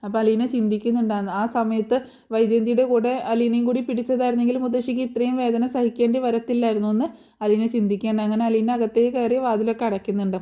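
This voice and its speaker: A woman's voice: on the high side, little pitch movement, fast talker, dark tone. A woman casually retelling a TV serial episode, chatty, with many fillers and tag words.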